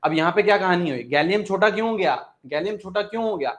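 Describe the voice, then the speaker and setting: Male coaching teacher, a bit high-voiced, drills students with repeated questions, fond "beta". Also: lively intonation, fast. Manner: repeats questions to the class, calls students 'beta'. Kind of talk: exam-prep chemistry lesson.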